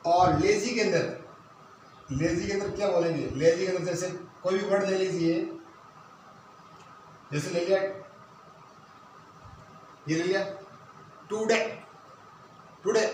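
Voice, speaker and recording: A male teacher with a high, slightly bright voice works through a grammar lesson step by step, posing questions and then answering them himself. He sounds distant in a very echoey room, with slight background noise.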